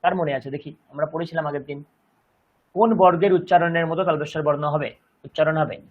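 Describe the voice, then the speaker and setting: A man with a Bengali accent teaching a Sanskrit lesson, speaking slowly and deliberately and chanting verses syllable by syllable. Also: a little high, steady tone, narrow, tinny audio. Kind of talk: online language lesson.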